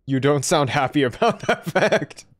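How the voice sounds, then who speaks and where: A man in a gaming voice chat dropping random deadpan one-liners. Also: a little high, unhurried.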